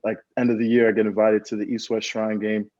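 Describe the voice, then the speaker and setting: An earnest young American man tells his story in a low, fairly flat voice, repeating his key phrases. He sounds dull and lo-fi, and the room around him is dry. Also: fast talker, dry recording. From United States. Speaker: guest, pro football player. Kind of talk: casual interview storytelling.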